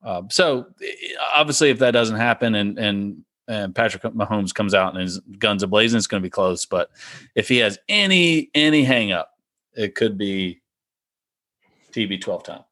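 A man's voice: on the low side, normal speed, bright, forceful tone, dry recording, studio quality. A man in casual sports talk among friends, repeating his predictions emphatically with many restarts. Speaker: podcast co-host.

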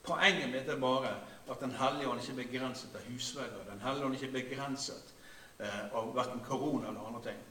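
A man, preaching a sermon in a conversational way, with frequent hesitations and often sinking into a quiet, low voice. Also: roomy sound, recorded from a distance, a little hiss or hum. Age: 60s. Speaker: pastor.

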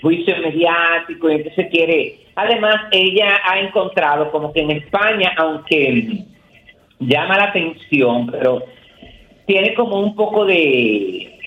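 A woman's voice: low voice, lively intonation, a little slow, reverberant, lo-fi sound. A woman co-hosting a radio show, chatting casually about celebrity gossip and rambling with many fillers.

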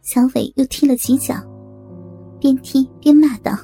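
A woman narrating an audiobook in a steady storytelling manner. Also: high-pitched, unhurried, gravelly. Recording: dry close mic with faint music beneath.

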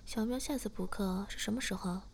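A woman's voice: mid-range voice, brisk, creaky, darkish tone, a little hiss or hum, natural voice. A woman reading the lines of a teasing, self-assured young man in a spoken story, in her own voice.

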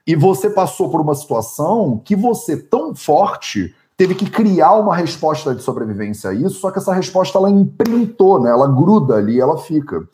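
Um homem apresentador e médico ayurvédico com sotaque brasileiro, conversando de forma animada numa entrevista e pensando em voz alta. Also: male voice, on the high side, moderate pace, hardly any pauses. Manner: animated, thinks aloud with many "né?". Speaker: podcast host, Ayurvedic doctor. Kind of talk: conversational interview.

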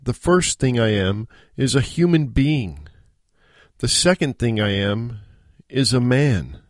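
A middle-aged American man hosting a solo podcast, speaking in an earnest, measured, exhorting monologue. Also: medium pitch, dry recording, studio quality. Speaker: podcast host. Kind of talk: solo monologue on self-improvement.

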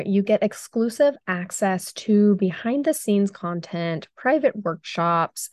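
Woman host, hoarse voice, casual and chatty, dry close sound, mid pitch. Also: darkish tone, dry recording. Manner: chatty and upbeat, with fillers like "um" and "like". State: hoarse, recovering from lost voice. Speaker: podcast host and health coach. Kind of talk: casual solo podcast talk.

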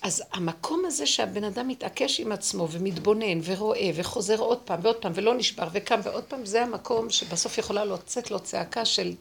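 A woman with a gravelly, creaky voice leads a spiritual class. She tells her stories dramatically and animatedly, acting out the quotes, in an ordinary middle register. A faint hiss sits under her voice. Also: medium pitch, hardly any pauses. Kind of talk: emotional spiritual lesson with acted-out quotes.

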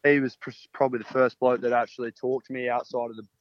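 This fast-talking young Australian footballer, early 20s and from the country, has a mid-range voice, a level tone and an easygoing, laconic drawl as he answers interview questions casually. The recording is dry and muffled.

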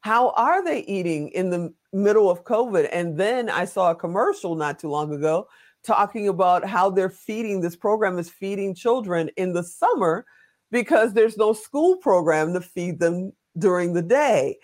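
A male interview host with a notably high voice, talking in a loose, chatty way. He wanders around his questions and slips in jokes as he goes. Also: animated, normal speed. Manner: chatty, rambling, jokey. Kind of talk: casual interview talk.

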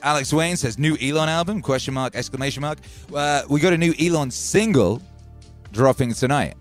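A middle-aged man from Wales with a Welsh and Birmingham accent, hosting a live stream in a casual, excitable way, swearing and thanking viewers by name. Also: fairly high pitch, moderate pace, soft background music.

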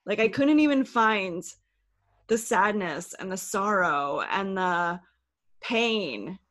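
A woman's voice: mid-range voice, lively intonation, takes it slowly, a bit bright. Guest, woman. Open, reflective and chatty, with a filler-heavy conversational delivery. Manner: open and reflective, says "like" often. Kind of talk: casual heart-to-heart chat.

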